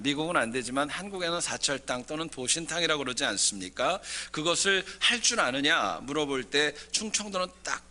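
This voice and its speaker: A man's voice: on the high side, sharp tone. A male pastor giving a Sunday sermon in a church, mixing folksy jokes with scripture. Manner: folksy jokes with dialect impressions before scripture. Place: church sanctuary.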